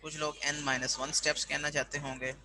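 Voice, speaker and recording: A man's voice: a little high, level tone, unhurried, bright, forceful tone, a little hiss or hum, low-quality recording. A man teaching a university class, explaining step by step and often checking in with his students. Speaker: university lecturer. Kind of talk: classroom lecture.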